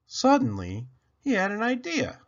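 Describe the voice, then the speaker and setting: A man with a high voice reads a kids' picture book at a measured pace, his pitch swooping wildly. As channel host he adds dramatic emphasis and asks listeners questions, recorded with dull lo-fi sound.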